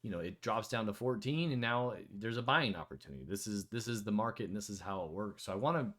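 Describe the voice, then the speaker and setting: A man with a somewhat low voice hosts a casual online voice chat. He talks in a loose, rambling way, full of fillers and restarts. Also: lively intonation, fast talker, a bit bright. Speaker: host of a community AMA.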